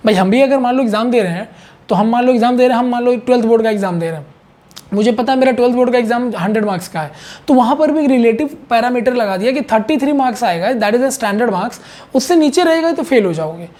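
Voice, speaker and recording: A fast-talking man with a very high voice, lively intonation and a darkish tone teaches chemistry online. He explains conversationally, repeats himself, and keeps checking on his students.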